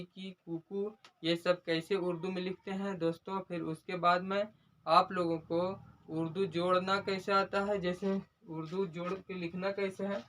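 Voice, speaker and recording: A man teaching a lesson in a slow, repetitive way, often calling the viewers his friends as he walks them through each letter. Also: sits high, fairly bright tone, poor audio. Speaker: language teacher. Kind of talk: unscripted lesson walkthrough.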